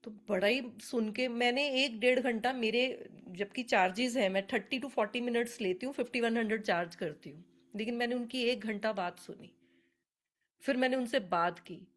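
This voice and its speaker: A woman teaching astrology on a live webinar, chatty and earnest, speaking to attendees by name over a video call. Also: fairly high pitch.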